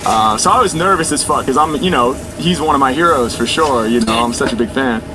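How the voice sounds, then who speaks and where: An American man with a medium-pitched voice talks casually as a guest in an interview. He is agreeable and slangy, often doubling up his affirmations. Clear urban vehicle noise runs behind him. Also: brisk. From United States, Portland. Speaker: guest, freestyle rapper and drummer.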